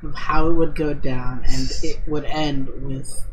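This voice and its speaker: A man's voice: a little high, measured pace. Guy cohosting a podcast, rambly and swears a lot, faint background hiss. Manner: rambling, profane, animated retelling. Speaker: podcast co-host. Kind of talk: casual chat.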